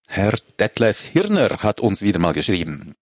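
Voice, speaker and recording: A man, talking calmly as a guest on a comedic panel show. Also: on the low side, normal speed, dry recording, clean studio sound. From Switzerland. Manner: relaxed, reads a letter aloud.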